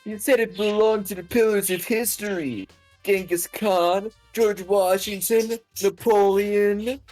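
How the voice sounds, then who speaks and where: A woman's voice: medium pitch, fairly even intonation, measured pace, a little mellow, faint music behind, lightly acted. A woman voicing a young male stoner surfer dude in a video game, drawling and full of bro and dude. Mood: rambling.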